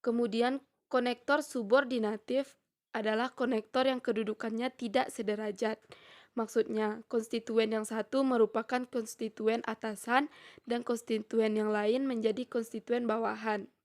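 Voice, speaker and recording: A young woman presents a grammar lesson, reading a prepared text at a steady, measured pace. Her voice sits a little high, and she slows down to spell out each example sentence. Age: young adult. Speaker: student presenter. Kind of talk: reading a prepared lecture on syntax.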